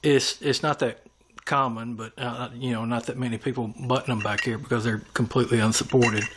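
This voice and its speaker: A man's voice: medium pitch, steady tone, a little fast, noisy background. A man giving a hands-on workshop tutorial, talking through each step as he works with his tools. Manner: talks through each step while working. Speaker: airgun tuner demonstrating machining.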